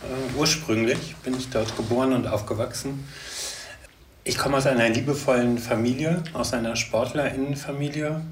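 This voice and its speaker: Man, researcher guest, measured talk, distant mic, echoey room, faint noise. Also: mid-range voice, fairly even intonation. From Germany. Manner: measured, many fillers. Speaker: guest, gender studies researcher. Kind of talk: interview answers.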